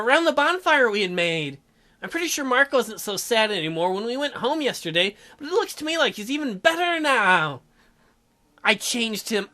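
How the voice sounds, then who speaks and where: Reading out a dating sim in a high voice with vocal fry, this let's play host slips crude jokes in between the lines of dialogue. He stays animated, jokey, and changes voices for different characters.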